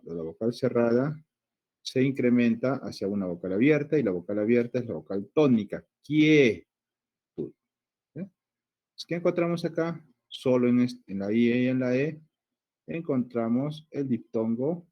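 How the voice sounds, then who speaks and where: A man with a Peruvian Spanish accent teaching a grammar lesson, explaining step by step and checking in with frequent questions, drawing out words slowly to sound out their syllables. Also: mid-range voice, highs cut off.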